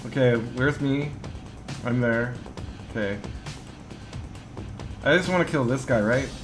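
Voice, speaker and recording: This man's voice sits in the mid-range and moves slowly, with music playing behind him. Casual and profane, he narrates a game as he plays it, cursing through his commentary and reading on-screen text out loud.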